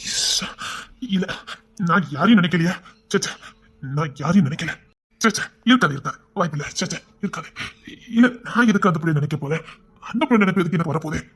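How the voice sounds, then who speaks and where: A man's voice: a little high, lively intonation, a bit bright, slightly rough. A man playing a young rowdy who broods over a past heartbreak and scolds a woman for coming back. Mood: brooding. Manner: scolding, rapid, exasperated. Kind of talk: amateur romance drama acting.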